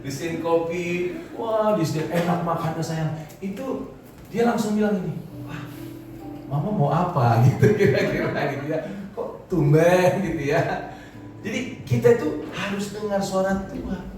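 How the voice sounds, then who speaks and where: A man's voice: on the high side, darkish tone, a little hiss or hum. A middle-aged man preaching a sermon as pastor, telling stories casually and acting out quoted voices. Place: church hall. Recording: echoey hall, voice from far off.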